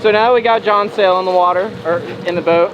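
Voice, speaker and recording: A man's voice: sits high, fairly even intonation, fairly quick, highs cut off. A man hosting a fishing show, talking casually to camera in an enthusiastic, exclamatory way out on a boat. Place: outdoors on a boat at sea. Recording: very noisy outdoor boat, wind and motor.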